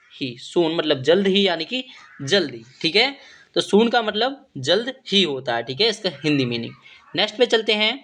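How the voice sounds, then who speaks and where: A man's voice: high-pitched, a bit bright. Man teaching English words, patient and repetitive. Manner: spells words letter by letter, repeats each meaning with "ठीक है". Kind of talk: spoken vocabulary lesson.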